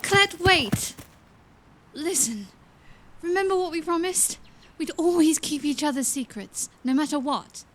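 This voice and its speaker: Seraphina, an earnest young princess. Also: female voice, sits high, lively intonation, a little slow. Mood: pleading. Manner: earnest, pleading, hesitant. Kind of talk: audio drama acting.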